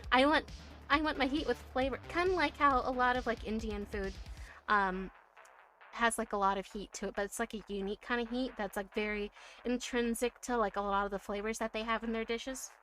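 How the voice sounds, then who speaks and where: The audio is poor and faint music plays behind a woman from the United States whose voice is on the high side and a bit bright, at normal speed. She chats casually with stream viewers, reading their messages, giggling, and relying on many fillers and restarts.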